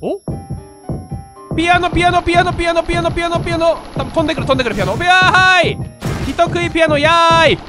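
A man playing a horror game and commentating excitedly, crying out in fright with shrill repeated exclamations. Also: racing, hardly any pauses, music in the background.

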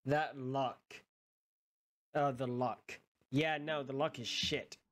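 A man's voice: mid-range voice, fairly even intonation, slow, a bit bright. A young man giving casual, sarcastic, sweary commentary as he plays a game. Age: young adult. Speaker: gaming streamer. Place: small bedroom-like room indoors.

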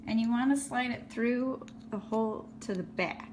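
A woman's voice: a little high, moderate pace, noisy background. A woman hosting a casual step-by-step craft tutorial, talking in a friendly, practical way while she works with her hands at an indoor table. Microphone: phone camera filming hands from above.

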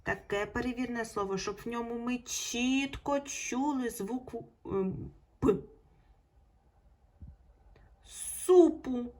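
A woman teaching a primary school video lesson, stretching out example words slowly and clearly for children. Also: on the high side, fairly even intonation. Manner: slow, drawn-out pronunciation of example words.

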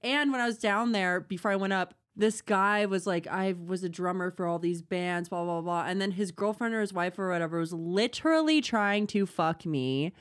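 A woman's voice: lowish voice, normal speed, hardly any pauses. A woman co-hosting a podcast, telling a story in casual chat, acting out what people said and swearing freely. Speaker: podcast co-host.

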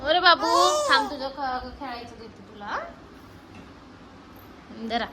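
A woman's voice: sits high, lively intonation, measured pace. A young woman and mother talking casually on her home vlog, chatty, venting to the camera and coaxing her toddler. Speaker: mother and family vlogger. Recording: home recording with background noise.

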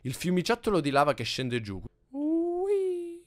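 A man's voice: mid-range voice, expressive, fairly quick, a bit bright. A man hosting a gaming channel, chatting casually and teasing his co-player while they build together. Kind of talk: casual let's-play banter.

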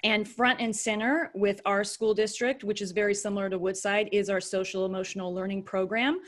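A woman's voice: medium pitch, little pitch movement, a little fast. Woman, school principal, friendly and organized, video call panelist.

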